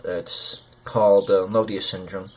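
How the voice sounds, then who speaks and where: A man talking personally to camera, hesitant and halting, with slurred lip consonants as if numb from the dentist. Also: deep voice, level tone, a little mellow, a little hiss or hum. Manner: hesitant, halting, searching for words. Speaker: gaming video creator.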